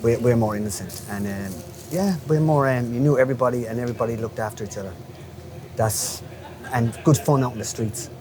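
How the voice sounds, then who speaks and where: A chatty man in his fifties with a west of Ireland accent from Galway, a local window cleaner being interviewed, reminisces casually in colloquial speech and often checks in with "you know." His voice sits at medium pitch and moves fairly quickly. Traffic and street noise fill the background of the recording.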